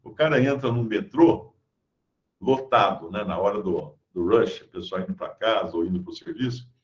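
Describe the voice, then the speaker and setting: A man's voice: fairly low pitch, moderate pace. A man giving conversational Bible teaching, reading scripture aloud and explaining it with everyday stories. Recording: roomy, dull lo-fi sound.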